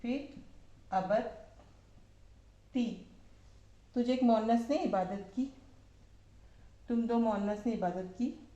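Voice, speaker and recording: A woman teaching Arabic verb forms to a class of women, asking questions and answering them herself, repeating each form slowly. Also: fairly high pitch, warm tone, echoey room, lo-fi sound. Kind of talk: slow classroom lesson.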